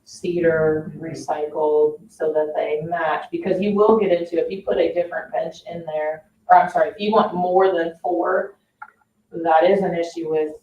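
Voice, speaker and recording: In an indoor public board meeting room, a woman from the parks staff explains things informally, with some hedging, in a low voice. There's a little hiss or hum, and the distant, dull mic picks up an echoey room.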